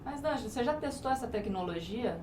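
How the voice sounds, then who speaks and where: A woman interviewer asking brisk, prompting questions. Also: a little high, expressive, a little mellow. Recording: echoey room with faint noise.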